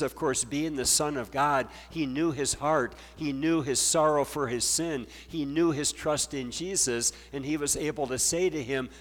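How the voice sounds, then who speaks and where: A man preaching a sermon as pastor, reading scripture and explaining it in a measured way. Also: mid-range voice, big-room sound.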